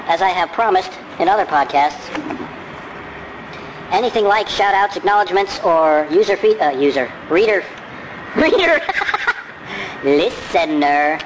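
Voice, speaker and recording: A man's voice: high voice, background noise. A man hosting a podcast in a sped-up chipmunk voice, rambling and correcting himself as he goes. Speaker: podcast host. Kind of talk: casual podcast monologue.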